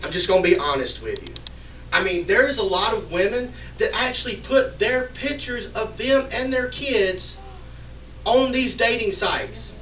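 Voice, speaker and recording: A man's voice: high-pitched, expressive, unhurried, a little hiss or hum. A man, doing a live stand-up set, mocking himself and bantering with the audience in a small room. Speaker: stand-up comedian. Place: small indoor venue in a wine store. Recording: roomy, distant, dull live recording with crowd ambience.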